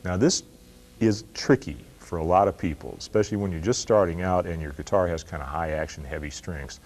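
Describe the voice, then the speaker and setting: Low-voiced man teaching blues guitar. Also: a little fast. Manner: relaxed, explains while playing and counting. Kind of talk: instructional demonstration. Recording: loud guitar playing behind the voice. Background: loud acoustic guitar playing.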